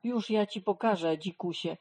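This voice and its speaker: A woman's voice: moderate pace, a little mellow, natural voice. A woman voicing a boastful, hot-headed male rooster in a children's storybook. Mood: indignant. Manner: boastful, shrill.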